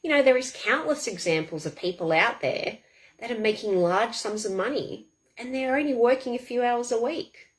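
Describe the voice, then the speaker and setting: A woman's voice: on the high side, lively intonation, moderate pace, poor audio. A woman coaching listeners through a tapping technique, chatting loosely with many fillers and repeating affirmations aloud. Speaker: self-help coach. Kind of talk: guided tapping demonstration.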